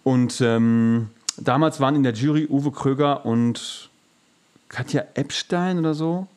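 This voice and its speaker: A man who is a musical singer and actor co-hosts a podcast, telling stories in a casual, colloquial, blunt style with some swearing. His mid-range voice is a little mellow and unhurried.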